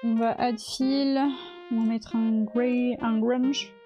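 A woman's voice: on the high side, level tone, slow pace, warm tone, dull audio, soft background music. A woman live streamer chatting casually with her chat while she models in 3D, laughing often.

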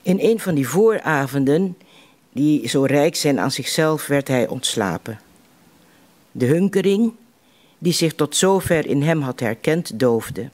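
A man reciting poems in a slow, measured way, with deliberate pauses between lines. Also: a little high, lively intonation, a little mellow. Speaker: poetry reciter at a literary evening.

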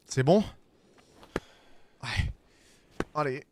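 A man streaming a video game, chatting casually with viewers and swearing, with bursts of shouting at the animals in the game. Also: fairly high pitch, lively intonation, very slow, slight background noise. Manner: talks to his chat viewers. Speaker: streamer playing a climbing game. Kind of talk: casual gameplay commentary.

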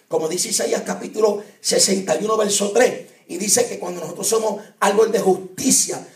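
Emphatic preacher, roomy hall. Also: male voice, high-pitched, darkish tone. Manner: emphatic preaching with rhetorical questions to the audience. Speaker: evangelist preacher. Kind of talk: sermon. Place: church hall at a youth conference. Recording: roomy, distant church hall recording.

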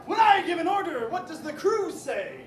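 A woman playing a bossy, playful pirate captain on stage, booming and teasing the audience in a live show. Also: sing-song, normal speed, over a noisy crowd, heavy background noise. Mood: drilling recruits. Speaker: stage actor. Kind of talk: live interactive theatre. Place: indoor theatre, live audience. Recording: echoey hall from far off with audience.

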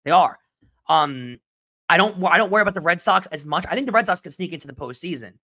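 A young man hosting a solo sports podcast, answering listener questions in an animated, emphatic way and repeating his points. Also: fairly high pitch, fast. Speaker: podcast host.

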